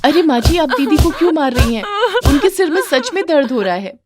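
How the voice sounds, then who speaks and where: Woman voicing a tearful, gentle young wife. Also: very animated, brisk, over music. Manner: polite, tearful, high-pitched.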